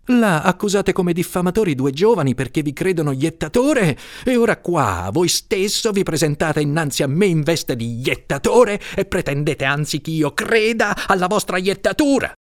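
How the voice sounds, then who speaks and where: A man's voice: on the high side, lively intonation, normal speed, hardly any pauses, no echo, studio quality, pitched above the performer's own voice, lightly acted. A man reading aloud, voicing an exasperated middle-aged judge who exclaims in a raised, incredulous voice.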